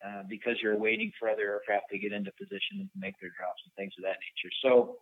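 A man in his fifties explains his work as a helicopter pilot, stopping and restarting as he hunts for the right word. His voice is low and gravelly. The recording is thin and phone-like, with no room sound at all. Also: sing-song, fast, no room sound. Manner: thoughtful, searching for words with restarts. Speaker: fire department helicopter pilot. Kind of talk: interview answers. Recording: tinny phone line.

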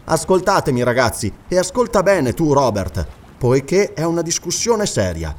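A man's voice: on the high side, very animated, moderate pace. A man reading the part of a determined nobleman who earnestly addresses his companions in a storybook. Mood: resolute. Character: determined male nobleman leading an expedition.

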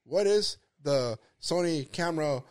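A man's voice: on the high side, animated, a little slow, a little mellow. A man co-hosting a podcast, talking in casual, joking banter and laughing often. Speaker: podcast co-host.

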